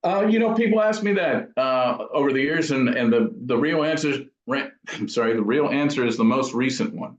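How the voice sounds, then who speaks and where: In a dull, roomy lo-fi recording, a medium-pitched man talks fairly quickly as an interviewed guest. He builds guitar amps, and his casual answers come out as he thinks aloud, with self-corrections.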